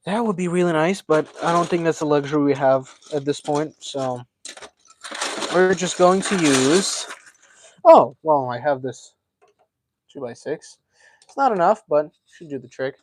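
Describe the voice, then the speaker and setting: Slow, chatty man thinking aloud. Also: on the high side, slight background noise. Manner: chatty, thinks aloud while building, self-described yapper. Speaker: livestream host. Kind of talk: casual live-stream building commentary.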